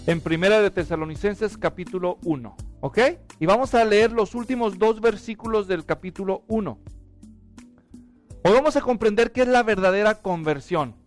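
A man's voice: high-pitched, normal speed, faint music behind. A male pastor preaching a sermon in a conversational way, checking in with the congregation.

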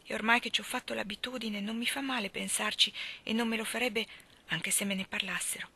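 A woman voicing a frail, gentle young woman who is ill and resigned, speaking softly in a hushed half-whisper. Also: medium pitch, a little slow, gravelly, slightly rough, heavily acted.

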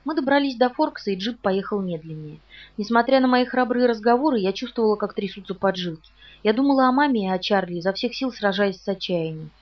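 A woman narrating an audiobook in the first person, in a brisk, steady manner. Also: medium pitch. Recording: dull distant audio with music behind.

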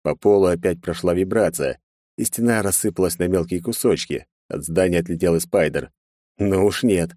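A man narrating an action audiobook in the first person, brisk and terse. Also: deep voice, warm tone, dry recording, studio quality.

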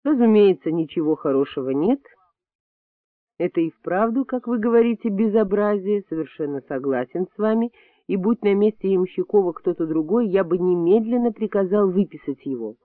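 A man reading an audiobook voices a calm, firm male hospital doctor who speaks quietly and weightily. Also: high voice, moderate pace, no echo. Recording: dry, tinny phone-like sound.

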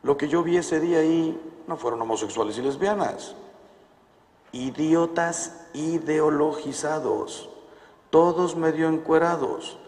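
A man's voice: fairly high pitch, unhurried, darkish tone. A Mexican priest in his fifties telling a story to an audience, acting out the dialogue and breaking into emphatic outbursts. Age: 50s. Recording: echoey hall, long reverb.

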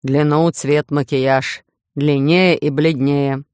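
A woman voicing a bossy, jealous young man in a romance audiobook, gruff and grumbling. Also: sits low, steady tone, slow, darkish tone, dry recording, studio quality. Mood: furious.

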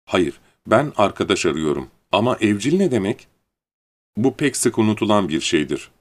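A man's voice: on the low side, big pitch swings, moderate pace. A man voicing a wise, wary wild fox who explains things patiently and matter-of-factly.

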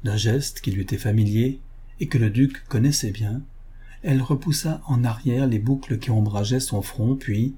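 A man narrating a novel as an audiobook, in a measured, expressive reading. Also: mid-range voice, slightly rough.

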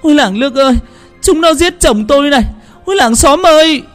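Male narrator doing a terrified young wife, high and shrill, storybook reading. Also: big pitch swings, slow, a little mellow, soft background music, full character voice. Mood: screaming. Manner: high falsetto, shrill wailing. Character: young peasant wife, frightened and pleading.

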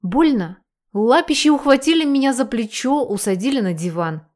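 A woman narrating a first-person audiobook with an expressive reading. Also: high voice, brisk.

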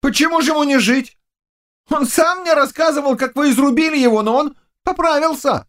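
A man reading an audiobook voices a frantic young male servant in a shrill, panicky, rushed voice. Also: a bit bright. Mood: eager. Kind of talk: audiobook character voice.

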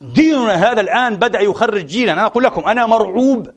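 A man preaching an impassioned sermon, addressing his listeners as brothers and swinging between soft and loud delivery, saddened and frustrated. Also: sits high, animated, very fast. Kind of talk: Friday sermon.

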